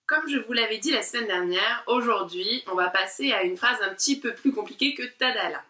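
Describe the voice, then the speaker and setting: A woman teaching a diction warm-up lesson, articulating syllables slowly and with exaggerated care while guiding exercises. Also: on the high side, echoey room, recorded from a distance. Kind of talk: online speech warm-up lesson.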